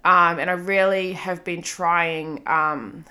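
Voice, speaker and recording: This podcast host, a woman in her thirties with a New Zealand accent, speaks slowly in a lowish, steady voice with a bright, forceful tone. On her solo episode she's chatty and self-deprecating, often saying um and laughing softly.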